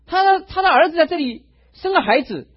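A male pastor preaching a sermon, telling a personal testimony in an animated storytelling way, in a dull lo-fi recording. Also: extremely high pitch, fairly quick. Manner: animated storytelling, acts out quotes.

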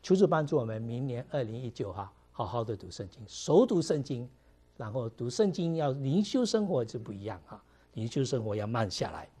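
A man's voice: medium pitch, sing-song, a little fast, dark tone, breathy edge. A middle-aged man, preaching a conversational sermon to his congregation with many fillers. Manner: conversational preaching, mixing English words, frequent fillers. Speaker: pastor.

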